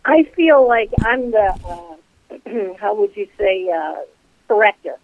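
A woman in her sixties, co-founder of a CBD company, speaks as a guest in a casual interview over a dry, tinny phone line. Her mid-range voice is animated and creaky, and she takes it slowly, talking earnestly but rambling with many fillers.

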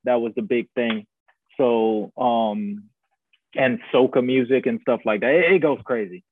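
A Guyanese man co-hosts a podcast, chatting casually in a laid-back, agreeable way and using lots of slang. His mid-range voice moves unhurriedly, and the recording is dry and lo-fi, like a phone, with no echo.

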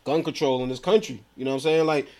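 A man co-hosting a podcast, telling animated, slangy stories and laughing often, in casual chat. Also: medium pitch, fast. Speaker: podcast co-host.

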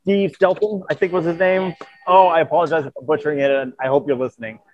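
A man's voice: a little high, steady tone, fast talker, no room sound. Tired man hosting, dull lo-fi sound. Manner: earnest, grateful, rambling. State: tired, voice wearing out. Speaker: podcast host. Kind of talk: casual chat. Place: at a convention.

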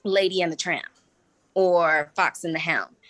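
A woman in her thirties, a cabaret singer, chatting as an interview guest in a bubbly, animated way with frequent laughs. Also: fairly low pitch, unhurried, dry recording. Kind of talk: casual interview chat.

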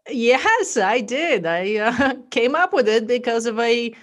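A woman's voice: fairly high pitch, expressive, slow pace. A middle-aged woman from Bulgaria with a mixed Bulgarian accent, chatting as a podcast guest and telling her story with frequent fillers. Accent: Bulgarian, mixed with Australian and American. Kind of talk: casual interview chat.

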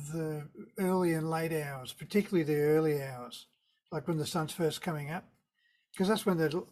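This middle-aged or older man, who has a Tasmanian Australian accent, chats casually as an interview guest. He is a surf photographer, and his slightly high, darkish voice comes across as laid-back, slangy and wry.

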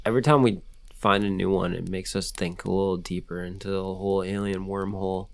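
A man's voice: low voice, fairly even intonation, a little fast, creaky. A man co-hosting a casual podcast, reasoning aloud and speculating in a conversational way. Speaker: podcast co-host. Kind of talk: casual chat.

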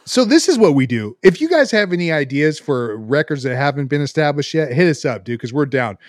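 Slangy, sweary man, fairly high voice. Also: very animated, a little fast, dry recording, studio quality. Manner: crude, slangy, frequent "dude" and swearing. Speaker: podcast co-host. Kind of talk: casual podcast banter.

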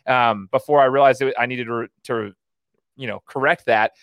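A man's voice: mid-range voice, steady tone, normal speed, a bit bright, no echo. A man hosting a casual interview podcast, chatting in an enthusiastic, rambling way. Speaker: podcast host.

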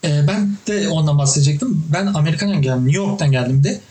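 A young man in casual conversation, telling animated stories and cursing casually as he hosts. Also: a little high, fast, echoey room, rough recording. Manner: animated storytelling, swears casually. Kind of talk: casual chat.

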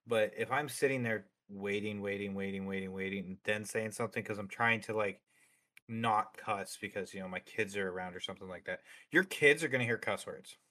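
A man's voice: on the low side, fairly quick, pushed and bright. A man being interviewed as a streamer, talking bluntly with lots of swearing and fillers. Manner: outspoken, opinionated. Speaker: streamer guest. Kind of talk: casual interview chat.

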